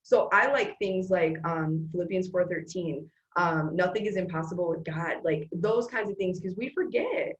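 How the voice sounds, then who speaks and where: A woman's voice: fairly low pitch, moderate pace, few pauses, lo-fi sound. A woman in casual motivational chat, emphatic and preachy, quoting scripture and urging listeners to speak life over themselves.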